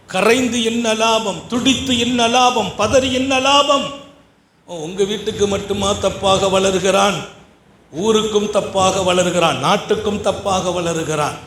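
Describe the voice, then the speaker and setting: A man giving a sermon, moving between soft storytelling and loud, rising exhortation. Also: high-pitched, roomy sound, a little hiss or hum. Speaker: Islamic preacher.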